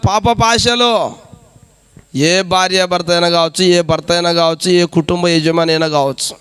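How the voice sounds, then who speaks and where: A man's voice: sits high, fairly bright tone, smooth, dry recording. A man preaching a sermon as a pastor, exhorting the congregation with rhetorical questions. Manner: repetitive preaching cadence.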